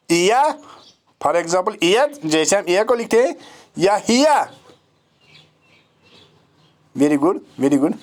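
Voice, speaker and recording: A male teacher with a Pakistani accent giving a phonetics lesson, drawing out and repeating each vowel sound. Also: sits high.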